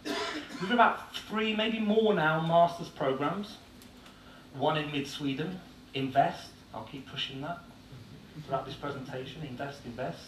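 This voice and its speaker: Speaking in an unhurried, a little high and somewhat bright voice, a conference speaker from Ireland who has an English accent gives a blunt, informal presentation laden with filler words. The echoey hall, distant mic, and faint noise shape the recording.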